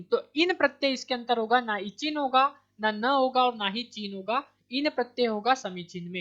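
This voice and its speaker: A woman's voice: fairly high pitch, fairly bright tone. A woman tutor working through exam practice questions step by step, repeating each answer and checking in often. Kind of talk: online exam-prep lesson. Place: Madhya Pradesh, India. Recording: dull lo-fi recording.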